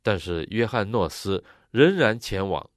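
A man interpreting a sermon phrase by phrase, matching the preacher's expressive delivery. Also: fairly low pitch, measured pace, dry recording, studio quality.

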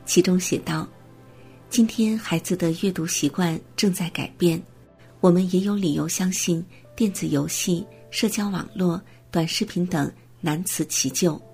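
A woman with a low-set, gravelly voice gives a steady, measured scripted narration. She reads evenly from a prepared text, and faint music plays behind her.

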